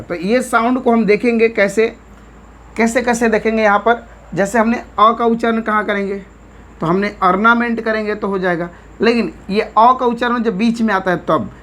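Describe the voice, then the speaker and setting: Indian woman spelling out English words. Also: medium pitch. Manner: spells words out letter by letter, often says "theek hai". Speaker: English teacher. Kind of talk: online vocabulary lesson.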